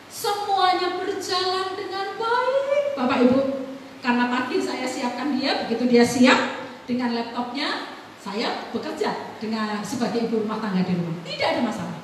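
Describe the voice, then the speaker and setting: A middle-aged woman pastor delivers a sermon, bringing a story to life with animated, acted-out conversation. Her voice sits high. She is captured from a distance in a large church hall with heavy echo and long reverb. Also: moderate pace, slight background noise. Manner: animated storytelling, acting out dialogue. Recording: echoey hall, voice from afar.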